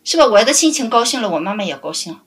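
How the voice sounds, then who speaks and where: A middle-aged woman caring for her parents, telling stories in a lively way and laughing often. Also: fairly high pitch, fast talker, husky. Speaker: family caregiver guest. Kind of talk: casual interview storytelling.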